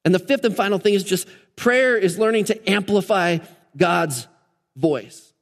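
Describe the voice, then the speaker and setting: A man's voice: high voice, a little slow, creaky. A man preaching a sermon in a conversational, earnest way, often restarting his phrases as he speaks to a church audience. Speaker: pastor. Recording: long hall reverb.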